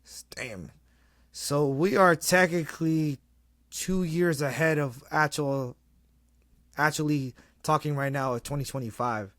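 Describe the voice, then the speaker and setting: A man co-hosting a casual fan podcast, talking fast and excited in slang, often restarting his sentences. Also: fairly high pitch, no room sound, studio quality. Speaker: podcast co-host.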